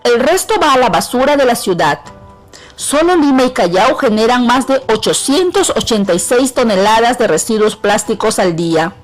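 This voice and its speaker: A middle-aged woman with a Peruvian accent, a teacher giving a clear, measured lesson on an educational radio program. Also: fairly high pitch, animated, soft background music, low-quality recording. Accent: Peruvian Spanish. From Peru. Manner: clear, measured instruction to students.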